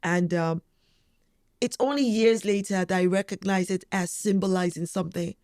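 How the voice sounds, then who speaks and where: A woman's voice: mid-range voice, normal speed, darkish tone. A woman in her forties speaking as an interview guest, talking candidly in an emphatic, outspoken and forthright way. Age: 40s.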